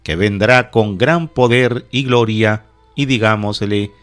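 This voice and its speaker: A man leading prayer, reciting liturgy in a measured, solemn way in short phrases. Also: on the low side, a bit bright, faint music behind. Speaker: prayer leader.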